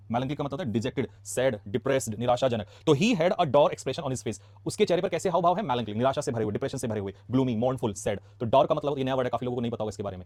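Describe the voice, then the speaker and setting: Rapid-fire Indian man teaching vocabulary. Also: mid-range voice, darkish tone, no echo. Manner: rapid, chatty, asks quick questions then answers them. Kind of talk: casual classroom lesson explaining words.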